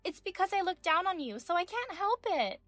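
A woman's voice: very high voice, sing-song, a little fast, a bit bright, no echo, soft background music, pitched above the performer's own voice, full character voice. A woman voicing a smug young female medical student in her twenties who mocks and talks down to an older wife. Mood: taunting. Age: 20s. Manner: mocking, condescending.

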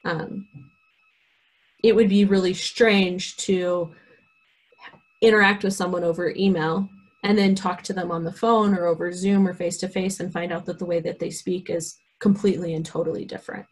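Husky-voiced woman leading a workshop. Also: lowish voice, steady tone, normal speed. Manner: frequent "um" fillers, reads example emails aloud. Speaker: career workshop presenter. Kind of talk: online workshop lesson.

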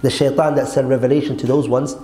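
A man's voice: medium pitch, level tone, fast, warm tone, faint music behind. A man giving an emphatic, conversational religious lecture as a teacher, checking in with listeners through rhetorical questions. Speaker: Islamic teacher. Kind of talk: religious lecture explaining a text to a class. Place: seated at a desk in a hall indoors. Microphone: gooseneck desk microphone. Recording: echoey room with faint background noise.

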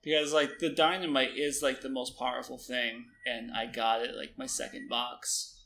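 A young man giving relaxed, halting commentary while he plays a game, with plenty of fillers. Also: medium pitch, slight background noise. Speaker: gamer. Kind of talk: casual let's-play commentary.

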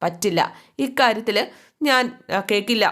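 Woman acting out a proud young man, stubborn and firm with his mother. He pleads gently but will not give way, in a retold soap story. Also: high voice, normal speed.

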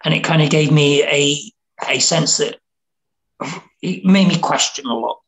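A man from Wales, a writer and interview guest, talking in a casual, halting way, restarting and repeating words as he thinks. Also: fairly high pitch, gravelly, a bit bright, poor audio. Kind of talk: casual conversation.

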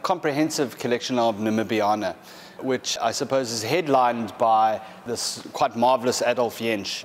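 A man in his thirties, an art specialist, talking through paintings in a large gallery hall in a measured, explanatory way, with frequent fillers and restarts. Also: mid-range voice. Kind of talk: gallery presentation.

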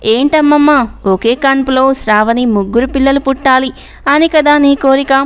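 A woman's voice: high voice, normal speed, close to an everyday voice. A woman voicing a joking, cocky young man in a serialized story reading. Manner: jokey, bantering.

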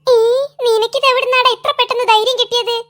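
A woman's voice: very high voice, level tone, fast, fairly bright tone. A woman voicing a timid, nervous little boy in a cartoon, speaking in a doubtful, hesitant way. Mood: puzzled. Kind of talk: cartoon voice acting.

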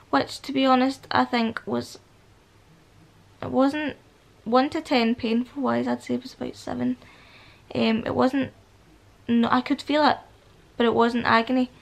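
This is a laid-back vlog by a Scottish woman in her twenties, recorded at home as she reclines against her bedroom headboard with the phone or camera at arm's length. She is fighting a cold, which leaves her somewhat high voice husky, and she murmurs quietly with frequent ums.

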